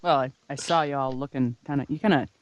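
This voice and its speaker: A woman playing a tabletop role-playing game, playful and quick to laugh. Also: rumbling low, dull audio. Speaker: player. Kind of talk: casual tabletop game chat.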